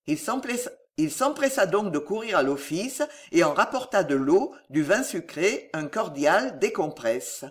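This is an audiobook reader narrating a historical novel with lively, swinging intonation. The pitch sits in a mid register. The delivery is dramatic and expressive throughout. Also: unhurried, few pauses.

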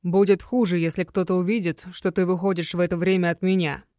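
A woman's voice: on the low side, little pitch movement, quick pace, mellow, no echo, studio quality, close to an everyday voice. A woman reading an audiobook and voicing an intense, jealous young werewolf man who keeps pressing with questions. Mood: urging. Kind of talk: audiobook character voice.

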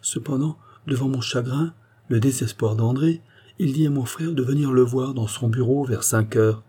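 A man's voice: mid-range voice, moderate pace, mellow, breathy edge, pitched above the performer's own voice, close to an everyday voice. A man reading a novel aloud, voicing a distressed young woman who pleads earnestly for her brother. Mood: anxious pleading.

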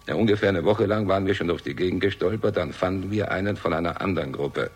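In a German radio crime drama, a man voices a bitter, cynical war veteran, his low, breathy-edged voice delivering lines quickly. He speaks curtly and sardonically, and the mood is grim and bitter.

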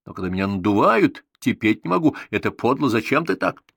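A man voicing an indignant, scrappy schoolboy in an audiobook, with heated, shouted outbursts. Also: on the low side, sing-song, fairly quick, creaky, husky, no room sound, studio quality, full character voice.

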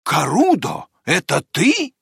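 A man's voice: high voice, wildly swooping pitch, slow pace, vocal fry, sharp tone, breathy edge, no room sound, clean studio sound, pitched above the performer's own voice, heavily acted. A man voicing a kind, cheerful old doctor with eager exclamations. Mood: glad.

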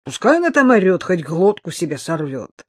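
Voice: medium pitch, big pitch swings, normal speed, slightly rough, no echo, clean studio sound. A reader voicing a burly male crook who grumbles and snaps irritably. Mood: gruff irritation.

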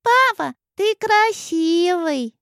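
Tiny sweet little girl voice, super high and singsongy, audiobook, a guy reading it. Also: lively intonation, drawn-out words, creaky, bright, forceful tone, no echo, clean studio sound, heavily acted. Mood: tender, loving. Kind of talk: audiobook narration.

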